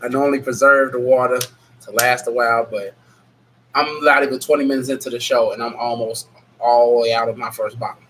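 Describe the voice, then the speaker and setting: Here a man hosts a relaxed live Q&A with a steady, slightly bright, medium-pitched voice and a brisk pace. Congestion and a scratchy throat give his voice a nasal quality. He wanders from point to point, speaks frankly and bluntly, and reads viewers' names from chat.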